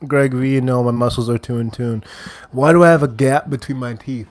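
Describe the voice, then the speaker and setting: A man's voice: medium pitch, steady tone, moderate pace. Laid-back man chatting while cooking. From Wheaton, Illinois, USA. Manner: laid-back, reads viewer comments aloud and answers them. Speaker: livestream host. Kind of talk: casual livestream chat while cooking. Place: kitchen, indoors.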